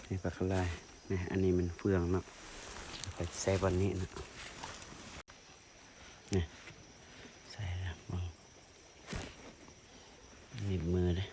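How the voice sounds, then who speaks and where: Isan guy mumbling low while out fishing in the countryside, noisy outdoor audio. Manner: mumbled low commentary, excited exclamations at catches. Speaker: vlogger. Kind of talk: casual outdoor fishing vlog.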